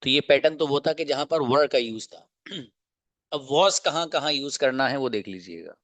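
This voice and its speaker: A man teaching English grammar to a class, drilling example sentences slowly and checking understanding with quick questions. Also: mid-range voice, expressive, fairly bright tone, dry recording.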